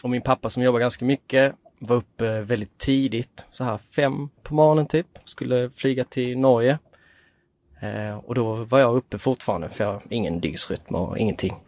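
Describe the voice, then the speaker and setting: A man in his late twenties, a podcast guest, telling a story in a lively, casual way and acting out quoted dialogue. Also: mid-range voice, no echo.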